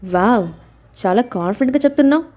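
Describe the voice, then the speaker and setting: A woman voicing a calm, sharp-tongued young man who speaks in a dry, mocking way. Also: on the high side, fast talker, close to an everyday voice.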